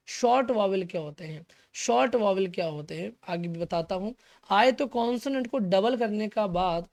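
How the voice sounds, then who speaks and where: A man teaching an English grammar lesson for exam students. He explains step by step, asks questions and answers them himself, checks in with "okay" after each point, and slows down to spell out key English terms. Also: high voice, vocal fry, a little mellow.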